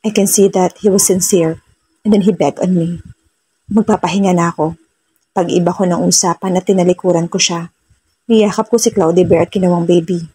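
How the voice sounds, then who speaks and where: A woman narrates a first-person love story in a soft, low voice. Her tone is warm and mellow with a husky edge, and she slips English phrases into her telling. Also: steady tone, a little fast. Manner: soft-spoken, switches between Tagalog and English.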